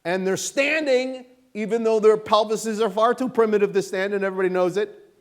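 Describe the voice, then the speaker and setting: A middle-aged man teaching a church Sunday school class in a casual, animated, folksy way, with a sarcastic edge and lots of fillers. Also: sits high, fairly quick.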